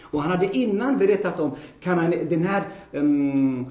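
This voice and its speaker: A man's voice: a little high, expressive, a little mellow. A man preaching a sermon bluntly and emphatically, repeating himself for stress and putting questions to the congregation. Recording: roomy echoing hall.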